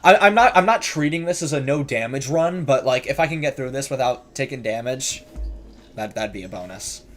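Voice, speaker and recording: A man's voice: medium pitch, lively intonation, a little fast, soft background music. A man giving casual, jokey commentary as he streams a horror game, nervous about scares and talking back to the characters. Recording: clear background noise, keyboard clicks and typing.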